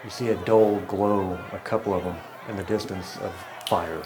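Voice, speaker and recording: A man running a tabletop game as game master, setting scenes in a measured, descriptive way. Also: fairly low pitch, steady tone, noisy background.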